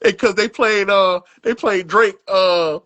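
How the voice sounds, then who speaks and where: A man's voice: high voice, takes it slowly, pushed and bright, highs cut off. A man co-hosting a casual sports podcast, talking loosely and rambling through his points. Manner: loose, rambling, restarts and trails off. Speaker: podcast co-host. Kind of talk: casual sports barbershop chat.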